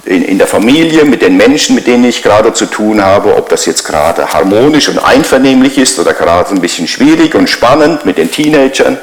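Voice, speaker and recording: A man's voice: fairly low pitch, lively intonation, a little fast, hardly any pauses, roomy sound, rough recording. A middle-aged man giving a conversational sermon as a pastor, driving his points home with repeated rhetorical questions.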